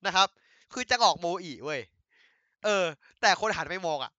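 Excitable Thai-speaking man, bright and lively. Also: sits high, normal speed, no echo, highs cut off. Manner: excitable, laughing, crude slang, many restarts. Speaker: anime recap host. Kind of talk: casual retelling of an anime episode.

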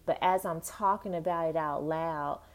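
A woman's voice: sits low, fairly even intonation, moderate pace. A woman who teaches dance talks through her thoughts in a casual vlog monologue. She speaks reflectively, fills her sentences with "like," and keeps asking rhetorical questions.

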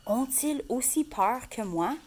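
A woman's voice: a little high, animated, slow pace, slight background noise. A woman reading as a frightened little child.

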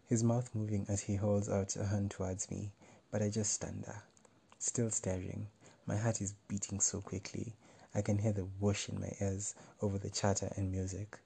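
A man reading a first-person story aloud in a measured, wry way. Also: fairly low pitch, level tone, vocal fry, dark tone, husky. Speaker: narrator.

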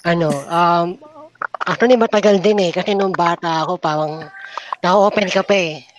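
A performer voicing a nasal-speaking comic podcast character through voice-changing software, talking with a muffled speech impediment. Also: mid-range voice, normal speed. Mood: bashful. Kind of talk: comedic podcast banter. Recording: noisy clicking background.

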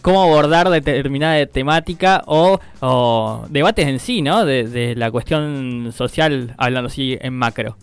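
A man's voice: medium pitch, measured pace, few pauses, smooth, no room sound. A man co-hosting a radio interview, asking thoughtful, hesitant questions. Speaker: radio co-host.

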